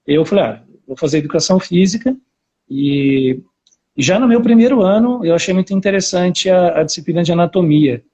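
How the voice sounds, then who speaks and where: His voice sits high and sounds animated and brisk, with a dark tone. The speaker is a chatty researcher of roughly forty with an interior São Paulo Brazilian Portuguese accent, casually sharing his story as a guest in a live video call interview.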